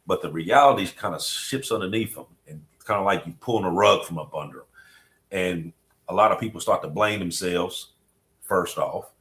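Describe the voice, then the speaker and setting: Deep-voiced middle-aged man hosting a podcast. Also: a bit bright. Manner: reflective, repeats himself, frequent "you know what I mean". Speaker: podcast host. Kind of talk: podcast conversation.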